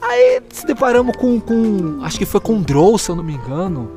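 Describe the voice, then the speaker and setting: This Brazilian man, a guest who also plays tabletop games, rambles casually through old game stories in an apartment stairwell, faint music in the background. His fairly high, gravelly voice has a darkish tone and a wildly swooping pitch, and he takes his time, chuckling and searching for words with a Brazilian Portuguese accent.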